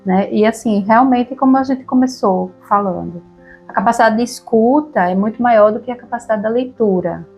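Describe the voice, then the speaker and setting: Brief: Brazilian woman, chatty co-host, slightly husky, mid-pitched, soft music under. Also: normal speed. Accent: Brazilian Portuguese. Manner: relaxed, chatty, frequent tag questions. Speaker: podcast co-host. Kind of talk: casual conversation about reading aloud.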